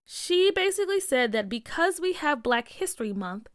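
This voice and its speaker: A woman's voice: high-pitched, sing-song, moderate pace, no room sound, studio quality, voice pushed up. A woman voicing an earnest, outspoken young schoolgirl who asks insistent questions in a storybook reading.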